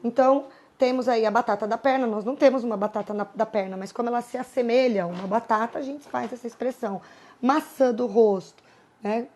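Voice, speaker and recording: A Brazilian woman teacher records a lesson for her class. Her voice sits a little high. She explains patiently and keeps checking in with her students through quick tag questions. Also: a little mellow. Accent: Brazilian Portuguese.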